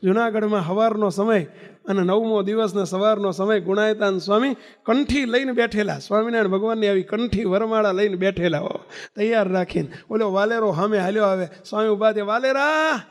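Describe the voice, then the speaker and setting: A man's voice: sits high, fairly even intonation, brisk, long reverb tail. A man swami giving a devotional sermon, telling stories animatedly and throwing rhetorical questions to the listeners. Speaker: swami preaching a religious discourse.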